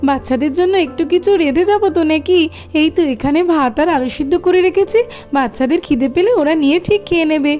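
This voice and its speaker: A busy village mother, played by a woman in a doll cartoon, with a high, mellow voice. She talks briskly and homely while feeding animals and rushing to the fields. Soft music plays faintly. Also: lightly acted. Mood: hurrying.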